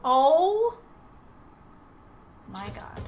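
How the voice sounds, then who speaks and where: A woman with a high, bouncy voice coos and gasps at clips during a casual stream. She speaks very slowly and draws out her words, with loud video music playing behind her. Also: big pitch swings. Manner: gushing, cooing at animals. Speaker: streamer co-host. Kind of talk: casual reaction chat.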